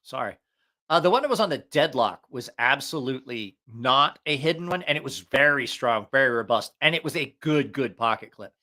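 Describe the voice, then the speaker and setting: A man's voice: mid-range voice, lively intonation, brisk, pushed and bright. A man hosting a casual, rambling livestream about gear, profane and jokey, drifting off on tangents, a bit short of breath from allergies. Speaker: livestream host reviewing knives.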